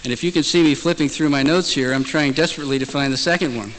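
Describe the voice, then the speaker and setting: A man's voice: on the high side, fast, a bit bright. A male pastor preaching a sermon in a church, telling stories with humor. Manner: storytelling, humorous. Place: church in Hong Kong. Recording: echoey church hall, faint tape hiss.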